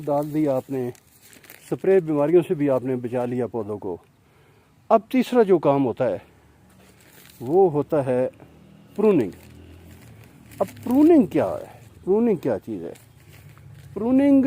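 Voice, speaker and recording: A man with a deep, dark and mellow voice walks through a casual gardening lesson. He explains patiently, with frequent fillers, while pointing at his plants. He moves nearer to and farther from the camera mic as he shows them. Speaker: home gardening presenter.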